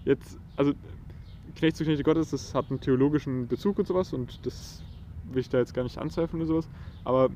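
A man's voice: medium pitch, a little fast, dark tone, a little hiss or hum. A man in a casual study discussion, speaking thoughtfully, searching for words and repeating himself. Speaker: student discussing a historical document.

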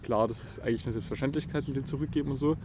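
A man's voice: medium pitch, very fast, background noise. A man in a casual study discussion, speaking thoughtfully, searching for words and repeating himself. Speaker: student discussing a historical document.

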